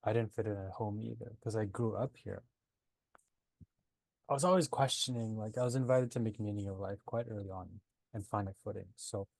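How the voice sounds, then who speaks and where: Speaking as an interview guest, this twenty-something breathwork teacher shares his life story conversationally; he was born in Nepal and moved to Canada when he was seven. The recording is dry, and his fairly low voice has a slightly mellow quality.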